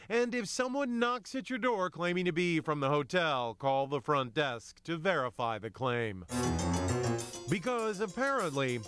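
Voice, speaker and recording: A man narrating a scripted investigative TV news report with dramatic, measured delivery. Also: a little high, fairly bright tone, no room sound.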